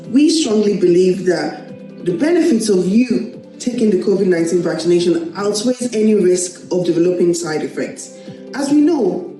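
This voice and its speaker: A woman GP from Nigeria, giving an earnest, measured appeal to take the vaccine. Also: mid-range voice, warm tone, heavy reverb, recorded from a distance, poor audio. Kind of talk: public health appeal to camera.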